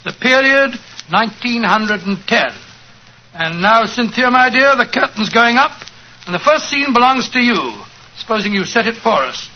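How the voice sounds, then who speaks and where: An actor playing a genial, fussy older English doctor with an avuncular, hesitant manner in 1940s radio drama. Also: male voice, very high voice, very animated, moderate pace, pushed and bright, exaggerated voice. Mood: storytelling. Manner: avuncular, hesitant, bumbling courtesy. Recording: muffled, hissy 1940s radio recording.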